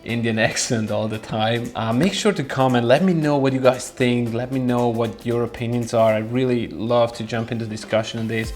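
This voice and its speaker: A young man from Switzerland talks casually to his viewers in a mid-pitched voice, weighing his words and hesitating now and then. He chuckles often, and faint music plays softly behind him. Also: fairly even intonation, normal speed, hardly any pauses. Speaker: vlogger. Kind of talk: casual chat to camera.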